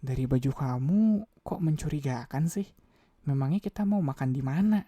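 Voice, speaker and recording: A man's voice: medium pitch, lively intonation, moderate pace, mellow, no room sound, close to an everyday voice. A man reading a novel aloud, voicing a playful young woman who teases curiously. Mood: teasing.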